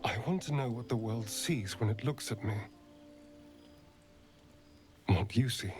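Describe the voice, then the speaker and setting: Casting: male actor as a wry, centuries-old game vampire, mid-pitched, theatrical and vain, faint music behind. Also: fairly quick, natural voice. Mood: vain, coaxing. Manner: theatrical, arch, brooding. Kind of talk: fantasy video game acting. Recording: game audio with background music.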